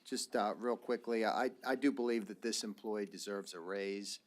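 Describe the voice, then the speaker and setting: A man giving a short, polite statement on why he votes no at a council meeting. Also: on the low side. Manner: measured, polite, some fillers. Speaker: council member. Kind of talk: brief floor statement.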